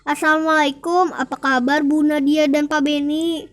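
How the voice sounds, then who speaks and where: A man's voice: extremely high pitch, level tone, normal speed, fairly bright tone. Young man doing a stern landlord. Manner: formal and insistent. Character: stern male landlord demanding overdue rent.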